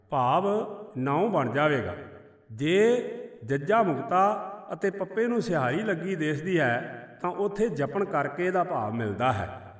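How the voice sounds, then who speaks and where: A man with a Punjabi accent giving a measured teaching on how to recite scripture correctly, half-chanting the verses he quotes. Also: high-pitched, reverberant, big-room sound, recorded from a distance. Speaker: Sikh scripture scholar.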